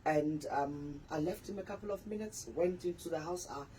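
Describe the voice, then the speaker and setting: A woman's voice: low voice, moderate pace, dark tone, slight background noise, poor audio. A woman in her forties, a pastor and author, candidly telling her personal story in a radio interview. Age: 40s.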